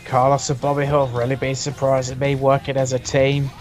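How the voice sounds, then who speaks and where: A man's voice: mid-range voice, completely flat delivery, a little fast, a little mellow, soft background music. A man giving conversational analysis as a pundit on a wrestling preview.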